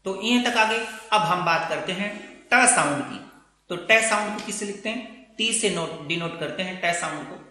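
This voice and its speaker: High, bright male teacher in an echoey room. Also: moderate pace. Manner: explains step by step with frequent checks like "theek hai na". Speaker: English teacher. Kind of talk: phonetics lesson. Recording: echoey room with long reverb.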